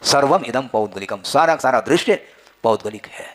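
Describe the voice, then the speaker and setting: A man's voice: mid-range voice, animated, normal speed. A man giving a spiritual discourse as a wise religious teacher, instructing his listeners with rhetorical questions and repeated phrases.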